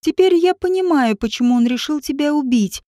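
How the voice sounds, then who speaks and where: A woman reading a storybook, voicing a composed woman who questions a man quietly and tensely. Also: high voice, animated, a little fast, no echo, clean studio sound, voice pushed up. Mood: cold mocking.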